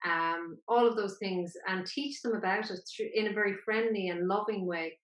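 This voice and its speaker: A woman's voice: mid-range voice, normal speed, a bit bright. A woman with an Irish accent hosting a conversational podcast interview, wordy and often rephrasing her points. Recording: echoey, roomy sound.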